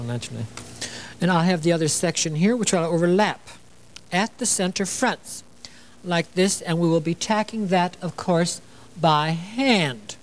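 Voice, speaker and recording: A man's voice: high voice, low-quality recording. An older man from Illinois hosting a sewing demonstration on a television show, chatty and playful, with frequent "you know" and joking asides. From Illinois, USA. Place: TV studio.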